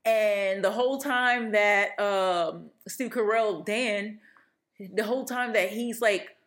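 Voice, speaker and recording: A woman's voice: mid-range voice, slow pace, fairly bright tone. A woman co-hosting a film podcast, chatting casually and retelling movie scenes at length with lots of fillers. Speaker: podcast co-host.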